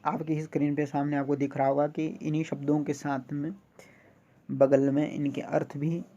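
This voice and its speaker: A man teaching Sanskrit in a slow recorded lesson, patiently saying each word aloud for his pupils to repeat. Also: fairly high pitch, warm tone. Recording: dull lo-fi recording.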